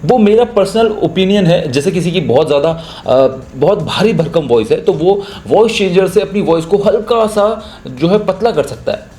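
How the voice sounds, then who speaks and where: A man's voice: sits high, lively intonation, moderate pace, hardly any pauses, warm tone, roomy sound. A young man with a Hindi accent, teaching voiceover in a casual, chatty spoken tutorial. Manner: chatty, explains with spoken examples.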